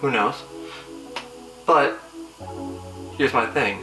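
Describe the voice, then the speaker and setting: A man's voice: mid-range voice, extremely slow. A young man hosting a car video, delivering a casual scripted roast and review in a sarcastic, teasing manner. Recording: roomy echo, distant mic, faint music.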